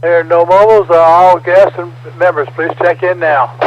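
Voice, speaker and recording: A man's voice: fairly high pitch, fairly even intonation, normal speed. A man acting as net controller, making formal but hesitant procedural announcements over amateur radio. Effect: transmitted over ham radio. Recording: noisy, band-limited ham radio transmission.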